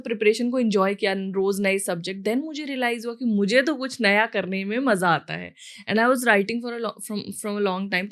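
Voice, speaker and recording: A woman who hosts a podcast and talks reflectively in a conversational way, mixing Hindi with English. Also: medium pitch. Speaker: podcast host, writer and entrepreneur. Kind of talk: podcast interview.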